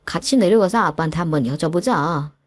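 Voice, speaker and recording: A woman's voice: on the low side, animated, brisk, no room sound, clean studio sound. A woman voicing a defensive husband in a narrated story, complaining to his wife. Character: defensive self-pitying husband.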